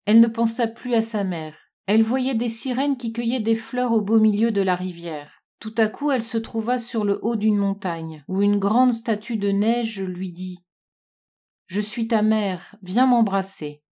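A woman narrating a storybook in a calm, measured reading. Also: mid-range voice.

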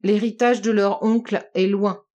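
A woman reading a classic novel aloud as an audiobook, with measured, clear storytelling. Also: medium pitch, steady tone, darkish tone, lo-fi sound. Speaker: audiobook reader.

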